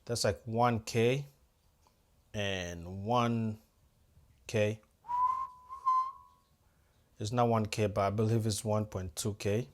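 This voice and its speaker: A man with a somewhat low voice walks viewers through a live audio setup. His talk is casual and hands-on, thinking aloud step by step as he tweaks the gear and calls his viewers "guys.". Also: steady tone, slow, long pauses, background noise. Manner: talks straight to viewers as "guys". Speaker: audio-visual technician. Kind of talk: hands-on tutorial.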